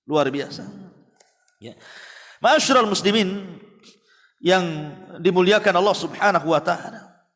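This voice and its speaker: High-voiced man preaching in a hall. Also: measured pace, long pauses. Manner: animated, acts out voices of the story. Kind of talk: sermon storytelling. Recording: long reverb of a hall.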